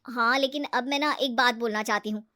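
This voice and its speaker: A woman voicing a scheming, jealous young woman who cheats her friend, loud and coaxing. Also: a little high, steady tone, brisk.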